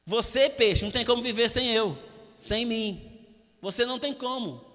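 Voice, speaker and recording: A man voicing patient, caring water that warns a little fish, speaking gently with a Brazilian accent. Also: very high voice, normal speed. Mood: explaining. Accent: Brazilian Portuguese. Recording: long church hall reverb.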